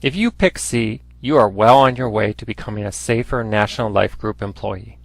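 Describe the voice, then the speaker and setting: A man's voice: lowish voice, moderate pace, gravelly, no room sound. Dry-sounding male instructional narrator. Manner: formal, instructive. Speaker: training narrator.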